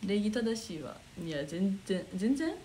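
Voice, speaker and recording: A woman's voice: medium pitch, animated, unhurried, mellow, slight background noise, low-quality recording. Giggly young Kansai woman streamer. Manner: chatty, giggly, mutters while searching comments. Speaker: idol livestream host. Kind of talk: casual livestream chat reading comments.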